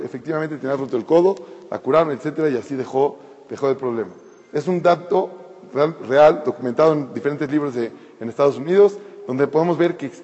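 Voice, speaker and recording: A man's voice: on the high side, a little mellow. Man telling a story in an echoing hall. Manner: repeats words and phrases for emphasis. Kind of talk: informal spoken storytelling lecture. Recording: reverberant hall, dull lo-fi sound.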